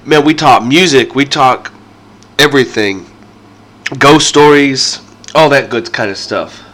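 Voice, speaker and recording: A podcast host rambles casually through his intro, full of ums and restarts. His medium-pitched voice is a bit bright and measured in pace, though nasal and congested from a sinus infection.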